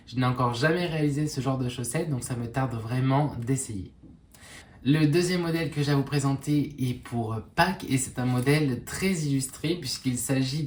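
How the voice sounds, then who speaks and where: A woman presenting in a casual knitting vlog, conversational and unhurried, pausing often and correcting herself. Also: rumbling low, darkish tone. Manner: conversational, unhurried, with frequent pauses and self-corrections. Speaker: knitting vlogger. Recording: roomy echo with faint background noise.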